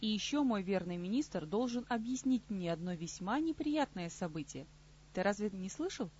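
A woman voicing a sardonic middle-aged king in an audiobook, dry and unhurried, on slightly muffled audio. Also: medium pitch, lively intonation, a little mellow, husky. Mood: dry mocking. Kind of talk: audiobook character reading.

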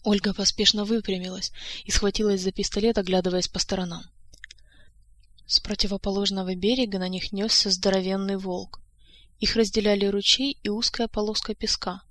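A woman's voice: medium pitch, fairly bright tone, no room sound. Woman narrating an audiobook, dry sound. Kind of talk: scripted narration. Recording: dry close-mic studio sound.

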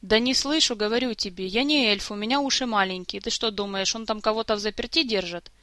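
A woman voicing a grumbling, sarcastic male jester and thief in an audiobook story, gruff and mocking. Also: high voice, fairly quick, pushed and bright, no room sound.

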